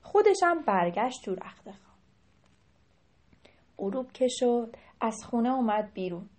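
A woman telling a folk tale to children and speaking to them directly as she goes. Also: on the high side. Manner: lively, addresses the children directly. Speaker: storyteller.

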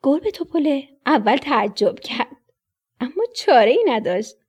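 Brief: high, breathy woman storyteller, animated children's narration. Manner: expressive, dips into whispers for suspense.

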